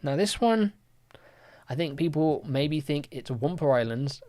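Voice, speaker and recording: A man's voice: fairly high pitch, measured pace. Chatty young man hosting a live quiz. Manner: chatty, relaxed, lots of fillers, reads out and answers chat questions. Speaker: livestream quiz host. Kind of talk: casual live-stream chat, reading viewer comments.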